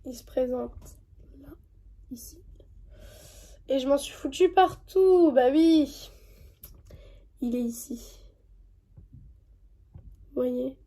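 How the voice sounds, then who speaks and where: A young woman with a French accent talks through her favourite makeup in a relaxed home vlog. Her voice sits high, and she rambles with fillers and false starts. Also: takes it slowly, pauses often. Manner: chatty, hesitant, many fillers and restarts. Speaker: beauty vlogger. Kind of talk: casual makeup review vlog.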